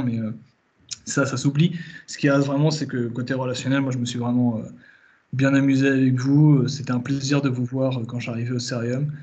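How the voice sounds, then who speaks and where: A young man chatting casually on a remote call, with a joking, teasing, colloquial way of talking. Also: medium pitch. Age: young adult. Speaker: newly qualified doctoral candidate thanking attendees. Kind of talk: casual chat. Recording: muffled video call audio, faint noise.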